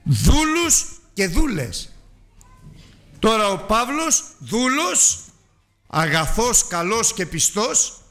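A man's voice: high-pitched, very animated, pauses often, pushed and bright. A man preaching a Sunday sermon, emphatic, asking rhetorical questions and drawing out key words.

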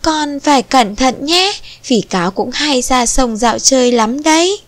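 A woman's voice: sits high, expressive, unhurried, no room sound, voice pushed up. Woman reading a cautioning mother rabbit. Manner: warning, gentle.

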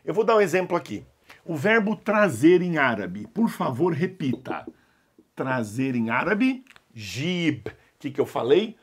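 A man with a slightly high, husky voice teaches an online language lesson. His pitch leaps around as he coaxes students to repeat after him. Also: unhurried. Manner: animated, coaxing students to repeat aloud. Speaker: Arabic teacher.

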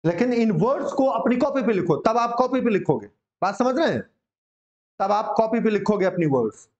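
A man's voice: high voice, very animated, moderate pace, darkish tone. A male English vocabulary teacher, drilling words with students in a casual, encouraging coaching-class manner. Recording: dull lo-fi sound.

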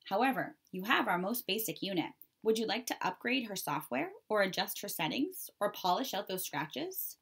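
A woman's voice: mid-range voice, very animated, moderate pace, vocal fry, few pauses, a bit bright, breathy edge, exaggerated voice. A woman voicing a polite, businesslike saleswoman in a children's storybook read-aloud, with a courteous, salesy manner.

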